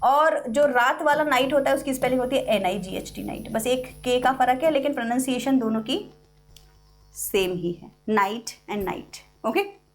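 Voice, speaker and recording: Indian woman English teacher, high voice, patient step-by-step online lesson. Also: animated, normal speed, soft background music. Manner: explains step by step, repeats key words, addresses students as kids. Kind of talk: online class lecture.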